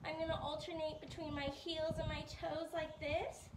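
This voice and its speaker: A woman's voice: high voice, flat delivery, normal speed, distant mic, noisy background. Breathless upbeat woman coaching stretches. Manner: upbeat coaching, checks in with "all right?". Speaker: PE teacher. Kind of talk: guided exercise instruction.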